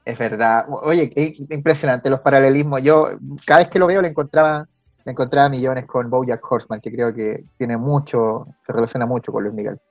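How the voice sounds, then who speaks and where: A Chilean man fills in the backstory with lively, slangy storytelling on a casual podcast. His voice sounds a little muffled, with faint music underneath and no room echo. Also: mid-range voice, fairly quick. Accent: Chilean Spanish. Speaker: podcast co-host.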